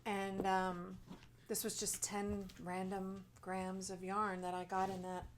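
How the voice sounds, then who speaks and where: A woman co-hosting a casual craft podcast, chatty and quick to laugh. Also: mid-range voice, completely flat delivery, a little hiss or hum. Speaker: podcast co-host. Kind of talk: casual chat. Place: lives in Texas.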